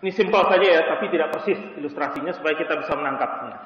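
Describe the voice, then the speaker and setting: A man's voice: fairly high pitch, rapid-fire, fairly bright tone. A man giving a lecture on Quran studies to an audience. He explains with everyday dialect examples and often checks in with "ya". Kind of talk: classroom lecture on Quran sciences. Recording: echoey hall, voice far from the mic, dull sound.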